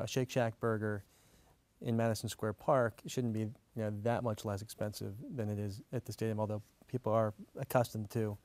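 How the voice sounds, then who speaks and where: A man in his thirties, a restaurateur guest on a studio panel, reasoning his point through in a measured way. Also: medium pitch, darkish tone, no echo. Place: dark TV studio set. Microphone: lapel.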